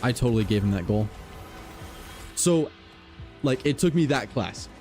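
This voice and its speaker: A male game streamer with a relaxed, mellow voice at a medium pitch. He talks casually to his chat and tells stories in an animated, slangy way. Music plays faintly behind him. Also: normal speed. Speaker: gaming livestreamer.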